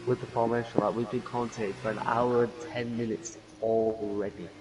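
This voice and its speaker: A man's voice: medium pitch, level tone, brisk, music in the background, poor audio. Man on chatty race commentary. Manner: chatty, joking with co-host. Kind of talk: casual online racing commentary.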